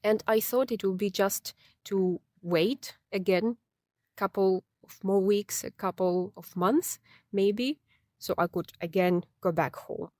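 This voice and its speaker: A woman's voice: mid-range voice, slow, a little mellow, dry recording, studio quality. A Ukrainian woman in her thirties, from Ukraine, telling her life story as an interview guest in a reflective way, with many fillers and restarts.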